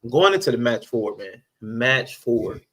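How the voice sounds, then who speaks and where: Animated man chatting casually. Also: medium pitch, unhurried, poor audio. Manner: animated, laughs often, repeats phrases. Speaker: podcast co-host. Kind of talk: casual wrestling review chat.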